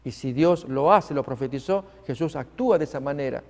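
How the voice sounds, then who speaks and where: Gravelly preacher man in a reverberant hall. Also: on the high side, a little fast. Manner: dramatic, acts out the people in the story. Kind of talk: sermon.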